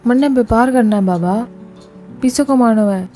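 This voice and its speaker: Woman voicing a hot-headed young village boy, high and pleading, for a storybook. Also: normal speed, warm tone, soft background music, lightly acted. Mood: defiant. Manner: pleading, tearful and breathless at times.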